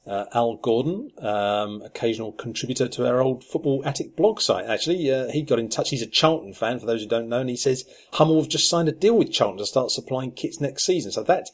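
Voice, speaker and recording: A man's voice: mid-range voice, expressive, brisk, hardly any pauses. Man, podcast co-host, casual chat, meandering, filler-heavy. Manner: rambling, lots of ums and restarts.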